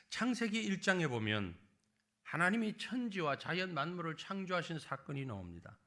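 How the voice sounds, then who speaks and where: A middle-aged male pastor delivers a Sunday sermon in a bright, ringing voice that sits somewhat high. His pitch moves widely, climbing into pleading tones and falling low and quiet at the close of phrases. Now and then he slips in light, self-mocking asides. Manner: lively preaching, rising into high pleading voices for people's complaints.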